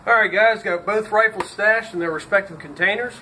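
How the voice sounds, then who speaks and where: A man's voice: sits high, a little fast, sharp tone. A man hosting a casual demonstration video, talking to viewers with a dip of tobacco tucked in his lip that slightly muffles his speech. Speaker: host of a firearms video channel. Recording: clearly noisy with ambient sound.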